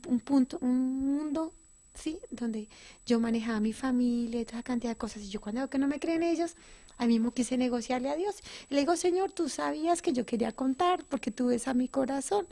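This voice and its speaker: A middle-aged woman with a warm, fairly high voice gives earnest, emotional personal testimony in an interview, frequently restarting and correcting herself.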